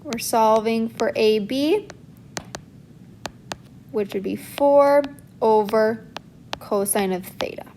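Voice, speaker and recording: A woman's voice: on the high side, takes it slowly, long pauses, mellow, a little hiss or hum. A woman teacher working through a math problem in a recorded lesson, explaining each step steadily as she writes.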